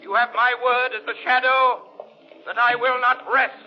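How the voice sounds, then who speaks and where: High-pitched, commanding mysterious Shadow. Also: male voice, level tone, moderate pace, muffled recording, noisy background. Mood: urgent, commanding. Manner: theatrical, solemn, commanding. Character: mysterious invisible male avenger, commanding and ominous. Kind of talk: 1930s radio acting. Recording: band-limited old 1930s radio recording.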